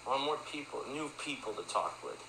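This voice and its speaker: A man's voice: mid-range voice, animated, a little fast, creaky. A young man hosting a casual family podcast, rambling and upbeat. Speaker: podcast host. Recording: echoey room with faint noise.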